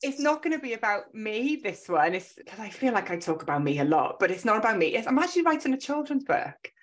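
A woman's voice: fairly high pitch, sing-song, quick pace. A woman in her thirties or forties with a South Wales accent, hosting a podcast. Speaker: podcast host, business coach.

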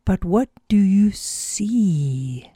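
A woman voicing a menacing hawk that lurks as a shadow, in a hushed, rasping whisper. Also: medium pitch, expressive, drawn-out words, dry recording, clean studio sound, full character voice.

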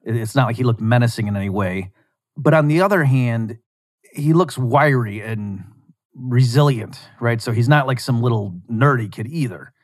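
A man of middling pitch tells a story casually to his audience, rambling and circling back on himself. His voice is close and dry, with no room sound. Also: normal speed, no room sound. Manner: rambling, animated, frequent restarts.

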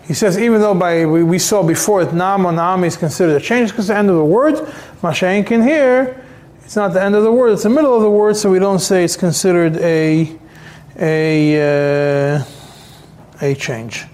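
A man teaching a religious text class, explaining slowly, restarting phrases and repeating words as he goes. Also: sits high, a little mellow. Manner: halting, repeats words, many fillers. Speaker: rabbi teaching a Talmud class. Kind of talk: explaining halachic texts to a class.

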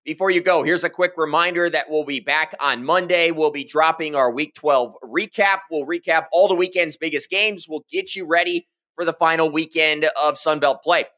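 A man co-hosting a college football podcast, steering segments and tossing in quick jokes. His voice sits a bit high and sounds bright and forward. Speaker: podcast co-host. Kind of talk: sports podcast chat.

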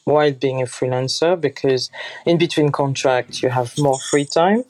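A woman's voice: extremely low pitch, normal speed, darkish tone, no echo, low-quality recording. A woman in her thirties from France, speaking English with a French accent as a podcast guest and piecing her sentences together loosely as she goes. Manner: loose, unpolished phrasing as she thinks aloud. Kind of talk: casual interview talk.

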